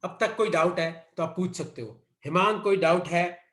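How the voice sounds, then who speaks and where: A man's voice: high-pitched, moderate pace, fairly bright tone, roomy sound. A man teaching a physics class online in Hindi mixed with English terms, repeatedly telling students to copy notes. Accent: Indian. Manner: repeats dictation cues, mixes Hindi and English.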